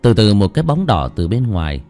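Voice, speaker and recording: A man narrating a spooky folk horror story with a low voice and an expressive, rising and falling delivery. Faint eerie music plays beneath him. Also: fairly quick. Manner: dramatic, suspenseful delivery.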